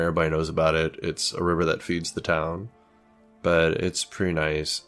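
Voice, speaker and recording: A man working as game master, improvising tabletop narration in a casual, halting way. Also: low voice, a bit bright.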